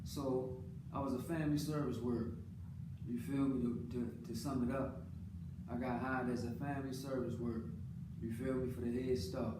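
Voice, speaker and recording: A medium-pitched American man speaks at normal speed with a flat delivery, telling his own story as a father in a casual, unscripted monologue. He's earnest and colloquial and repeats phrases for emphasis. The audio is roomy and distant, and the background is clearly noisy.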